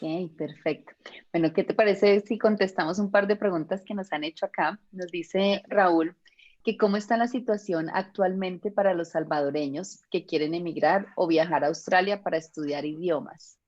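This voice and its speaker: Host lady reading out viewer questions, lowish voice, sounds far off and muffled, keeps it moving. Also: normal speed, a little mellow. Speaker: interview host. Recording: dull, distant lo-fi sound.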